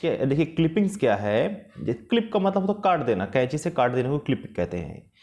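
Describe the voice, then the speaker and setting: A man teaching an English lesson with patience, repeating and rephrasing each point, slow and careful in English and quicker in the rest. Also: medium pitch, sing-song, darkish tone. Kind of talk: explanatory lesson mixing Hindi and English.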